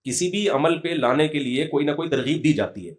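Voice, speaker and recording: A middle-aged man delivering a relaxed, joking sermon in a somewhat high voice. He tells stories and slips into slow Arabic recitation now and then, speaking in a chatty, storytelling way. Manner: storytelling, humorous, quotes Quranic verses in Arabic. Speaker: Islamic scholar giving a religious talk. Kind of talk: conversational sermon with jokes and anecdotes.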